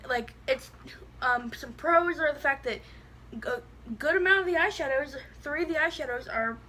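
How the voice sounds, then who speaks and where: A woman with a slightly high, bright, forceful voice gives a blunt, rambling product review, saying "like" constantly. Her lisp turns her s sounds slushy, and there's a bit of background noise.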